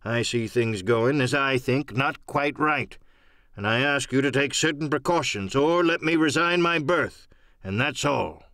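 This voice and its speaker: For an audio adventure play, a man acts a stern, middle-aged sea captain, speaking bluntly and formally in clipped, plain, dutiful phrases with a grave, dignified mood. His voice is mid-range, unhurried, pushed and bright. The recording has a close, dry sound.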